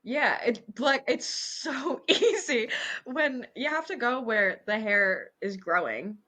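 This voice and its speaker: Bright-toned woman waxer, giggly and candid, in casual podcast chat. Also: fairly high pitch, slow. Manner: giggly, candid, animated storytelling.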